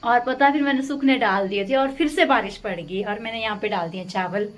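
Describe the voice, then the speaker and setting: A woman's voice: fairly high pitch, fairly quick. Chatty woman vlogging at home. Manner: chatty, talks to viewers about chores. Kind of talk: casual vlog narration. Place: home rooftop and house.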